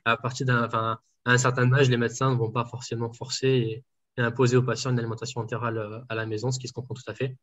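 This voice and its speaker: Man, dietitian interviewee, halting delivery, dull lo-fi call sound. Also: mid-range voice, flat delivery, fairly bright tone. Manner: hesitant, many fillers and restarts. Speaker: home enteral nutrition dietitian. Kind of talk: casual interview answers.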